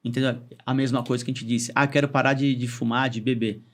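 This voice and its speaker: A man of ordinary pitch talks as a guest on a podcast, explaining hypnosis and therapy in loose, conversational terms. He circles back and rephrases often, with plenty of filler words along the way. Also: level tone, fast. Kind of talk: casual podcast chat.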